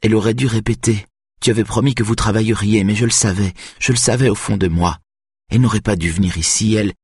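A man's voice: low voice, moderate pace, slightly rough, dry recording, studio quality. A man voicing a stern, grieving mother who speaks in short, clipped bursts. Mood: grieving harsh. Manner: sharp, clipped and tearful.

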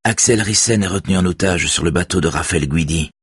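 A man's voice: low voice, fairly quick, breathy edge, no room sound, studio quality, voice pushed up. A man voicing a stubborn male detective who talks tersely and hard.

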